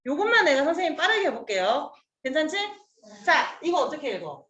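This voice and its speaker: A woman's voice: high-pitched, very animated, fairly quick, a bit bright, reverberant, dull audio. A woman teacher giving a casual Chinese pronunciation lesson, chatty and coaxing, drilling sounds aloud with her students.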